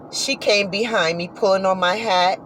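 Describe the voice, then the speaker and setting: A woman's voice: medium pitch, poor audio. A woman telling a heartfelt story about her horse in an earnest, repetitive, folksy way, talking while riding in a car. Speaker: horse owner vlogger. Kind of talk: casual monologue. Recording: steady road noise behind.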